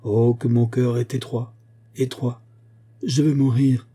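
A man voicing a naive, excitable rustic herdsman in a read-aloud story, speaking in raised, passionate outbursts. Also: mid-range voice, normal speed, breathy edge, voice pushed up. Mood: anguished.

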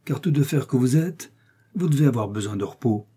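A man's voice: mid-range voice, animated, brisk, mellow, breathy edge. A man voicing Aramis, a refined, pious young male musketeer who is in pain, in a read novel. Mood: weary.

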